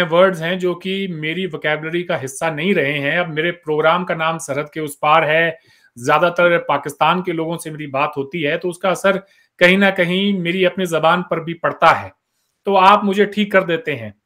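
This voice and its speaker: A man hosting a talk show, speaking in an unhurried, casual way and reading out words one by one. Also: high voice, fairly even intonation, bright, forceful tone. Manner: unhurried, reads word lists aloud. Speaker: host. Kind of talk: casual chat.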